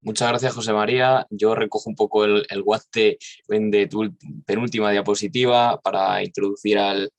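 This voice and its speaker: Gravelly low-voiced male moderator. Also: flat delivery, no room sound. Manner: halting, with fillers. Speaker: debate moderator. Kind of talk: moderating a panel.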